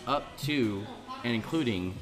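With music playing in a bar, a Central California man in his thirties talks as a podcast guest, drifting discursively between topics. He has a mid-range voice with lively intonation and a measured pace.

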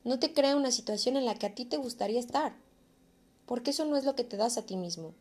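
A woman's voice: fairly high pitch, animated, quick pace, darkish tone. Young mexican woman doing a vlog monologue, earnest and encouraging, casual slangy talk. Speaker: vlogger.

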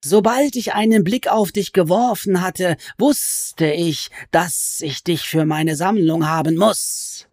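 A woman voicing a sly, menacing male goblin who is a fanatically loyal servant, speaking in a slow, drawn-out, hissing way. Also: on the low side, darkish tone, no room sound, studio quality, pitched above the performer's own voice. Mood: insistent, greedy.

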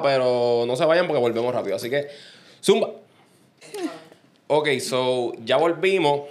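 Male podcast host, relaxed and chatty, ordinary mid pitch. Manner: relaxed, chatty, quick affirmations. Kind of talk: casual interview chat.

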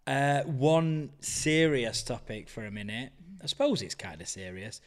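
A man's voice: mid-range voice, expressive, a little slow. A man co-hosting a podcast, chatting in an easygoing, talkative way. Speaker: podcast co-host. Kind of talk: casual chat.

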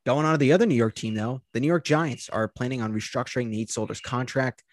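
A man's voice: mid-range voice, fast talker, no echo. A man hosting a sports talk show, running through news items and steering the talk. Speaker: host.

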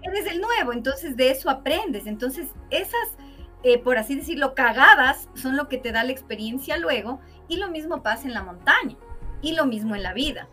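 Bright, high-voiced woman guest. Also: normal speed, faint music behind. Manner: animated, acts out quoted voices with exclamations. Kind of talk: storytelling in a conversational interview.

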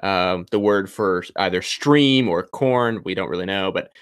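His voice sits low, smooth and unhurried: a young PhD candidate guesting on a podcast in casual interview chat. He works through ideas aloud with frequent ums and restarts. The studio sound is clean and echo-free.

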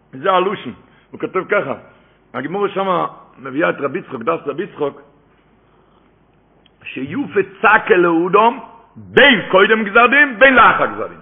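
Fiery man preaching over a tinny line. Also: creaky. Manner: swings between loud cries and low murmurs. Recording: tinny phone-like recording.

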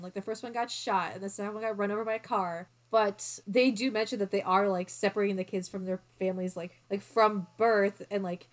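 Chatty, agreeable young woman co-host. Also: mid-range voice. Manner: chatty, agreeable, laughs often. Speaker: podcast co-host. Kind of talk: casual book-club chat. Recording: remote call audio.

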